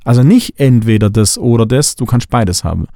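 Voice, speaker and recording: A man's voice: medium pitch, lively intonation, a little fast, mellow, no room sound, studio quality. A middle-aged man from Swabia hosting a coaching podcast, talking bluntly and emphatically, hammering his points home. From Swabia, Germany. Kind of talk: spiritual coaching podcast monologue.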